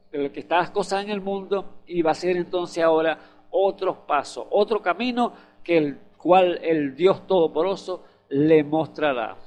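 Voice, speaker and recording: A man's voice: on the high side, darkish tone. A man preaching a sermon in Spanish-language church style, fervent, with hesitant fillers and frequent repetitions.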